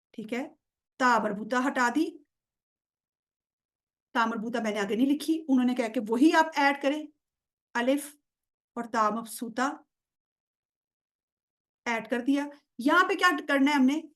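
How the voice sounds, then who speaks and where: A woman teaching Quranic grammar in an online lesson, patiently checking understanding and stretching out example words. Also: sits high. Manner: drawls example words slowly to show pronunciation.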